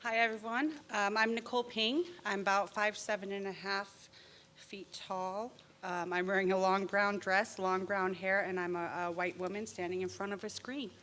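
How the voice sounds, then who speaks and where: A woman gives a business pitch from a stage in front of a screen. She talks steadily and fills pauses with frequent "um"s, and a faint noise sits under her voice. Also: level tone, fairly bright tone. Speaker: pitch presenter.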